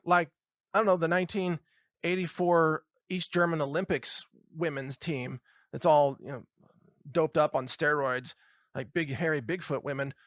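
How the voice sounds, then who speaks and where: A middle-aged man delivers a talk show commentary with lively, scornful energy. His voice sits a bit on the high side for a man, and the sound is dry and close, with no room around it. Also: no echo. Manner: animated, mocking, puts on voices for imagined people. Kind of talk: political commentary monologue.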